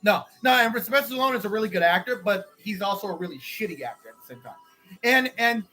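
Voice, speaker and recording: A man co-hosting a casual chat podcast, giving blunt, profane opinions with animated energy. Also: sits high, fast talker, soft background music, poor audio. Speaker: podcast co-host.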